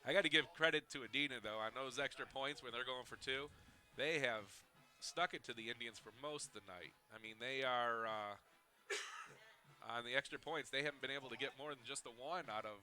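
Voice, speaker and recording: A man giving color commentary on a high school football game, chatty and analytical, with easy laughs. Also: normal speed, sharp tone, soft background music.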